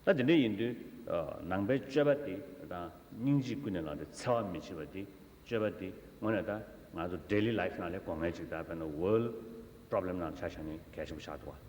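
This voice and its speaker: Deep-voiced Tibetan man teaching in an echoey hall. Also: a little mellow. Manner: halting, with filler syllables and repeated words. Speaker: Buddhist teacher. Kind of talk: religious teaching, spoken in turns with an interpreter. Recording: echoey hall, long reverb, faint noise.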